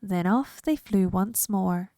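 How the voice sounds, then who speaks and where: A woman reading a children's picture book aloud in a slow, clear storytelling manner. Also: medium pitch, dark tone, dry recording. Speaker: reader.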